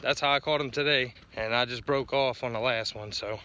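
A man's voice: medium pitch, steady tone, a little fast, pushed and bright, clear, resonant tone. A man, chatting casually to the camera while fishing on a windy lakeshore, rambling and talking to himself between casts. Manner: laid-back, rambling, talks to himself while casting. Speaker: fishing vlogger. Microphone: action camera, head-mounted and handheld. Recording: background music under the voice.

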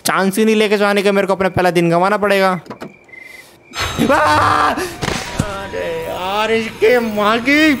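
High voiced guy doing funny game commentary, keeps yelling and groaning, says stuff over and over. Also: measured pace, noisy background. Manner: excitable, frequently yelling and groaning in frustration; repeats short phrases over and over. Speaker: gaming commentator. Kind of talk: comedic gameplay commentary.

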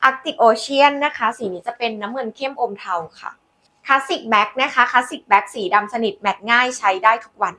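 A woman hosting a live sales pitch, demonstrating products in a chatty, coaxing way with polite endearments to customers. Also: a little slow, bright, forceful tone. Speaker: live-selling host presenting handbags.

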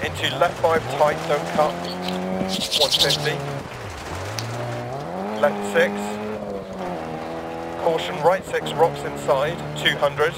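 A man playing a brisk, focused rally co-driver in a racing game, calling rapid clipped pace notes. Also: fairly high pitch, steady tone, vocal fry, loud music behind the voice, full character voice. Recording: loud car engine noise. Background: roaring rally car engine.

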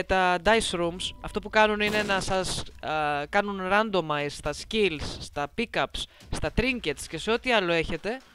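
A woman's voice: medium pitch, a bit bright, slight background noise. Playful woman commentating a game. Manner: playful, teasing, chatty with viewers. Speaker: gameplay commentator. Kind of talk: casual let's-play commentary. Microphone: close desk microphone.

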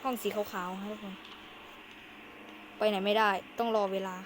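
A woman hosting a game playthrough video offers casual commentary in a medium-pitched, steady voice at a moderate pace. The home recording is clearly noisy.

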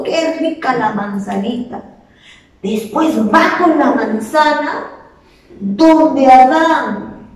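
A woman teacher with a Peruvian Spanish accent, slowly telling a story to small children and asking them questions. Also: fairly high pitch. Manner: slow, expressive, asks children questions. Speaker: preschool teacher. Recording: echoey room, voice from far off.

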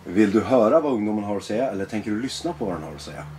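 A man being interviewed as a guest, talking in a blunt, animated, profane way. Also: on the low side, slight background noise. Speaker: guest, former extremist. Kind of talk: personal interview conversation.

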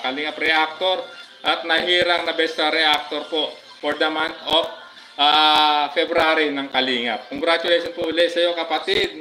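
A man with a Filipino accent, chatting casually on a live stream, giving viewers shoutouts with many fillers. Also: on the high side, rough recording. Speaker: livestream vlogger.

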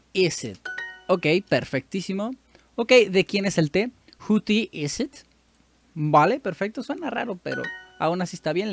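Unhurried Mexican man thinking aloud. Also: high voice. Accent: Mexican Spanish. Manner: chatty, self-correcting, thinks aloud. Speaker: YouTuber doing language practice. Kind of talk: casual commentary while playing a language app.

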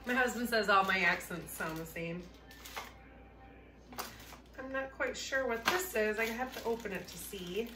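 A woman's voice: medium pitch, a little slow, pauses often, loud music behind the voice. A woman chatting casually and cheerfully as she unboxes resale items, thinking aloud. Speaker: reseller vlogger. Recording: echoey room, mic at a distance, noisy.

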